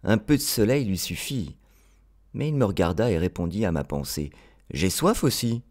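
Low voiced guy reading an audiobook, really expressive, lively up and down. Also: moderate pace. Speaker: audiobook narrator.

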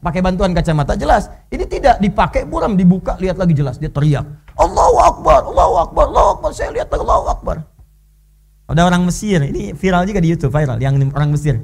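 A man giving an animated sermon in a mosque, telling stories with lively dramatic delivery and an Indonesian accent. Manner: animated storytelling, leaps high when voicing characters. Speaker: preacher.

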